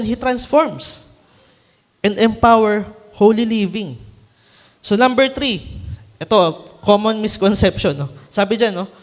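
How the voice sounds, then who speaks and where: A man's voice: high voice, in a large hall. A man from the Philippines, a preacher giving a conversational sermon, often checking in with his listeners through short tag questions. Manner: conversational, frequent tag questions and light laughs.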